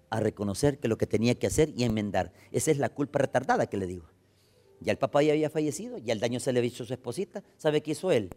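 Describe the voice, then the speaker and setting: A man with a Salvadoran accent preaching a sermon, emphatic and swinging between loud and soft, often calling out to the brothers. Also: medium pitch.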